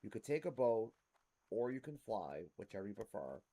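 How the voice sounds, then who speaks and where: A man's voice: on the low side, big pitch swings, normal speed, warm tone. A man hosting a gameplay series, explaining things to viewers in casual commentary. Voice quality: rough smoker's-type cough.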